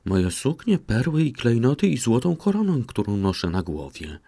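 A man voicing a spoiled, flighty young princess in a fairy tale reading, pitching his voice high and pleading. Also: very animated, moderate pace, dark tone, dry recording. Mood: eager. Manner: high, pleading then dismissive girlish tone.

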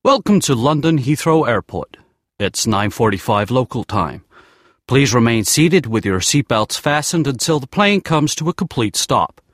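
A man's voice: medium pitch, expressive, normal speed, fairly bright tone, no echo, clean studio sound. An actor playing a male airline captain, making an announcement over the plane's cabin speaker in a scripted language-lesson dialogue. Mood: formal.

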